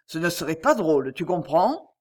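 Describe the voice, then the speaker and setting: A reader plays a young male police inspector in an audiobook detective story, pressing a colleague with quick, persuasive requests. His voice moves lively through its range. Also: medium pitch. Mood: urgent.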